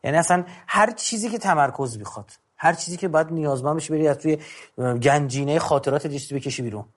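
A middle-aged man giving an informal, conversational lecture, going through numbered tips with emphasis. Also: fairly high pitch. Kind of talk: informal talk on controlling anger.

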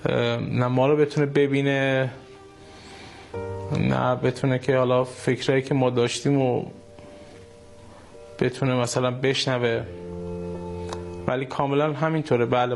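A man with a mid-pitched, gravelly voice speaks as an interview guest. He builds his sentences haltingly, and faint music plays behind him. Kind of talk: interview testimony.

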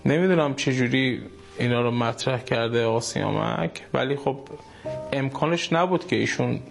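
A man speaking as an interview guest, halting and hesitant in his phrasing. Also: medium pitch, creaky, faint music behind. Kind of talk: interview testimony.

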